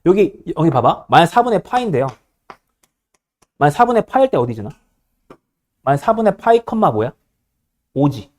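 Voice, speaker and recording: A male high school math teacher lecturing a class, bossy and teasing, always checking whether students follow. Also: big pitch swings, brisk, pauses often.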